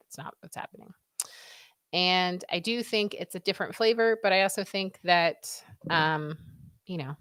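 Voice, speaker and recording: A woman with a scratchy, fairly bright voice that sits low hosts a live stream, chatting casually and rambling as she reads viewer comments aloud. The studio recording is clean, with no room sound.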